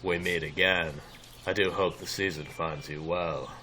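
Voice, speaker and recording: A sly game rogue speaks in a low, smooth tone with ornate, old-fashioned phrasing. He sounds mocking and at ease. A faint hum of ambience sits behind him. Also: fairly even intonation, a little slow, pushed and bright.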